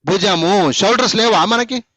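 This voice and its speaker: A man's voice: high-pitched, moderate pace, pushed and bright, no room sound. A man with a Telugu accent teaching a spoken English phonics class, teasing and scolding his students as he quizzes them again and again.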